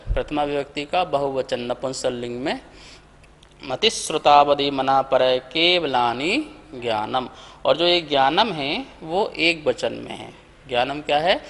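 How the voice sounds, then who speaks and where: A man teaching a scripture lesson, slowly reciting verses syllable by syllable for students to repeat. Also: medium pitch, a bit bright, big-room sound. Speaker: Jain monk teaching scripture.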